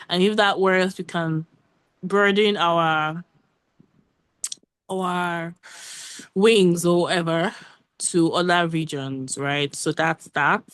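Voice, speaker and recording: Woman running a group call, talks fast n runs on, lowish voice, dry close sound. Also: no echo. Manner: quick, run-on talk with restarts. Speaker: working group meeting lead. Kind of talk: casual meeting update.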